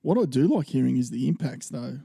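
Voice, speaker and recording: Australian man, podcast host, gravelly, dark, dry close sound, wry. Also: mid-range voice, lively intonation, brisk, no room sound. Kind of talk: casual chat over beers.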